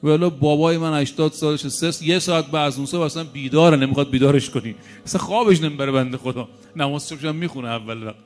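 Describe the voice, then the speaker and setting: A male preacher in his fifties delivering a sermon, lively and conversational, dropping asides and rhetorical questions into his stories. His voice sits somewhat high for a man, and faint music plays underneath. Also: few pauses.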